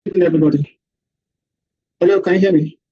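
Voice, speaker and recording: A man presenting his capstone project over an online meeting, heard through screen-recorded call audio, walking through his slides with frequent hesitant pauses. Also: high-pitched, breathy edge, muffled recording. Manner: steady walkthrough with frequent hesitant "um"s. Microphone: computer or headset mic on a video call.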